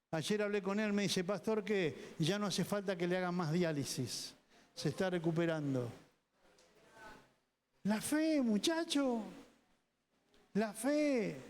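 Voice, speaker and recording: Argentine male pastor, high voice, emphatic sermon delivery, long church-hall reverb. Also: smooth. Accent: Rioplatense Spanish. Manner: emphatic preaching, repeating words, voicing people in quotes.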